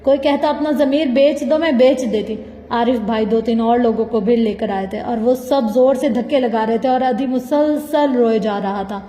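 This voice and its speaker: A woman's voice: on the high side, mellow. A woman reading a novel aloud as a first-person narrator, intense and heartfelt, in an echoey room with a long reverb. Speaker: audiobook narrator.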